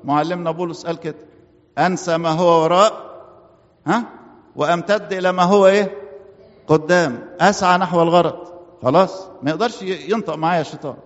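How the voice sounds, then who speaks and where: A man with an Egyptian Arabic accent delivers a sermon in a slightly high voice. He poses rhetorical questions and answers them himself, and he slows down to lean on scripture quotes. The recording is muffled and rings with long church reverb. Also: steady tone. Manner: quotes scripture slowly and emphatically.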